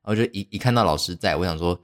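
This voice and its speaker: Rapid-fire and low-pitched, a young podcast host casually recounts a story. His telling is rambling and self-deprecating, thick with filler words.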